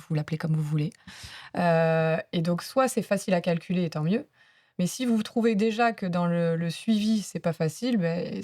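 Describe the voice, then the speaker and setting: Woman panelist, low voice, loose casual delivery, lots of hesitation. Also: warm tone. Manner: chatty, many fillers, laughs at herself. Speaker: panelist at a business talk. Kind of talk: casual spoken explanation to an audience.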